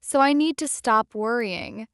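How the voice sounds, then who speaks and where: A woman with a smooth, clear, fairly high voice reads simple example sentences at an unhurried pace. Her phrasing is measured and plain. The sound is close and dry. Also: no room sound. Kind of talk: slow read-aloud example sentences.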